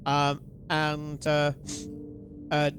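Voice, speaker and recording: A man's voice: on the high side, monotone, fairly bright tone, soft background music. Man playing a swearing British tabletop player. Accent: British English. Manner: casual, swearing, halting with fillers. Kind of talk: describing his character's actions in a tabletop game.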